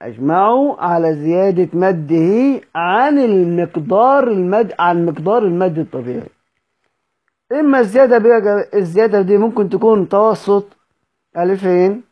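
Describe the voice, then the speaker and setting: A man's voice: high-pitched, animated, moderate pace, muffled recording. A man with an Egyptian Arabic accent teaching a recorded study session, explaining points, repeating them and quizzing his students. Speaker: Quran recitation teacher.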